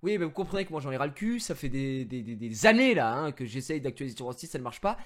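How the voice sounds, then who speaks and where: A man telling a story in a casual vlog, rambling with fillers, using crude slang and breaking into mock-indignant shouting. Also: medium pitch, very animated, fast talker. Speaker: streamer.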